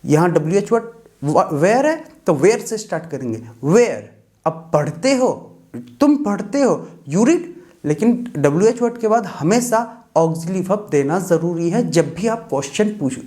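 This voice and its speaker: A teacher explaining English grammar in Hindi, repeating example sentences slowly word by word and often checking in. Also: mid-range voice, animated, mellow.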